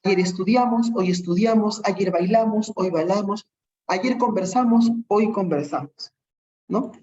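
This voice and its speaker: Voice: mid-range voice, unhurried, warm tone, slight background noise. Patient Peruvian teacher, muffled audio. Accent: Peruvian Spanish. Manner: patient, repeats examples, tag questions. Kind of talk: online class lesson.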